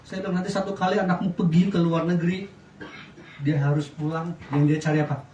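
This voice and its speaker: Middle-aged male pastor preaching, pretty high voice, sounds far off in a roomy church. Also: fairly quick, lo-fi sound, a little hiss or hum. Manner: lively preaching with wide swings in loudness, asks the congregation questions. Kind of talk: sermon. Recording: echoey church sound from a distance.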